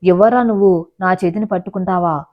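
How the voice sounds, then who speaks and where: A woman's voice: lowish voice, a little fast, close to an everyday voice. A woman reading the part of a cruel, sneering middle-aged gangster father in a storybook reading, mocking and threatening, on slightly dull audio. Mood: sneering menace.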